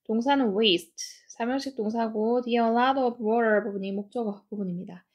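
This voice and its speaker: A woman teaching English grammar, explaining each sentence step by step and reading the English lines slowly. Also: a little high, muffled recording. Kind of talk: grammar lesson.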